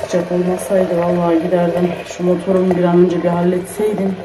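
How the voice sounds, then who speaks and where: Woman, thirties, lowish voice, casual kitchen vlog chatter, mutters asides, clattering kitchen noise. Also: completely flat delivery, fairly quick. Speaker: home vlogger and mother. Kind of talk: casual vlog chat while cooking. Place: home kitchen.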